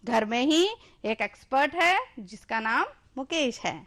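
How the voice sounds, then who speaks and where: A woman teacher with an Indian accent and a high voice, talking slowly and deliberately. She explains in Hindi and drills short English words one by one so children can repeat them after her. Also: lively intonation, fairly bright tone. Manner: addresses pupils as children. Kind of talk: classroom-style lesson.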